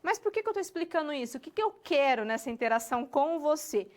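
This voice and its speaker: A woman teaching an English lesson, addressing the student directly and slowing down to model English questions. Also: high-pitched, sing-song. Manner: slow, stretched model phrases when demonstrating English questions; talks directly to the student, checks in with tags. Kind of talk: recorded online lesson.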